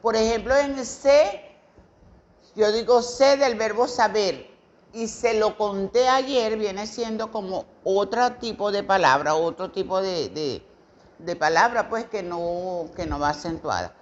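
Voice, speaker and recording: A woman's voice: a little high, lo-fi sound. A woman teacher from Venezuela giving a recorded grammar lesson to children, patiently repeating example words, with some hesitant fillers and self-corrections.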